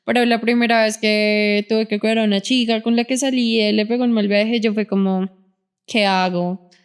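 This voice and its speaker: A woman's voice: a little high, a little fast, clean tone. A woman from Colombia with a Bogotá accent, co-hosting a podcast and telling stories with laughter in a casual chat. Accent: Colombian Spanish, Bogotá. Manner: laughing storyteller, animated anecdotes. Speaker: podcast co-host.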